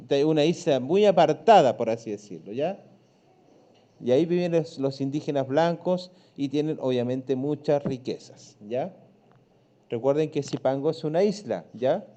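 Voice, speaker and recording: A man's voice: on the high side, dark tone. A Chilean man teaching a primary school class online, patient, checking in often with his pupils. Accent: Chilean Spanish. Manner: patient, checks in with frequent "¿ya?" and "¿cierto?".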